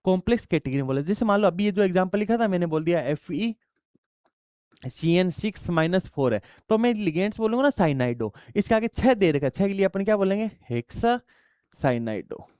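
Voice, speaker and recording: High-voiced man teaching chemistry. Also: animated, brisk, a little mellow, clean tone, no echo, clean studio sound. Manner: explains step by step, asks students questions and answers them himself; addresses students affectionately as child. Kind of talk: classroom lecture.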